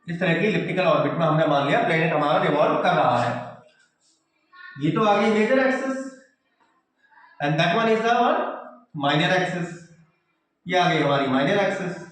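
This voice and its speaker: A man's voice: on the high side, animated, unhurried, pauses often, fairly bright tone. A man teaching physics in a whiteboard lecture, explaining step by step, often repeating phrases and checking that students follow, mixing English terms into his Hindi. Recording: very echoey room.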